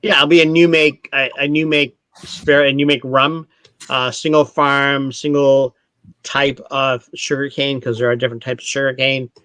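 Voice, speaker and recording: A Canadian-raised man at the middle of the male pitch range talks through a relaxed video-call tasting. He explains at length, often stopping to correct himself. The recording is close and dry, with no room sound. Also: moderate pace, clear, resonant tone, no echo. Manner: explanatory, rambling, with frequent self-corrections. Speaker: distillery brand ambassador. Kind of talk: casual online tasting chat.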